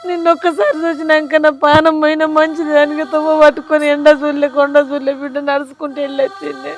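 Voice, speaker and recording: Brief: actress as a heartbroken older mother, high tearful voice, Telangana accent, soft music under her. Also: little pitch movement, fast. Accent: Telangana Telugu. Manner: tearful, pleading. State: crying. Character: grieving old mother, wronged and heartbroken. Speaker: mother cast out by her son.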